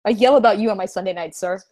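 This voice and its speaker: A woman's voice: medium pitch, a little mellow. A woman co-hosting a casual podcast, enthusiastic and giggly, often acting out quotes. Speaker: podcast co-host. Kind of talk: casual rewatch chat.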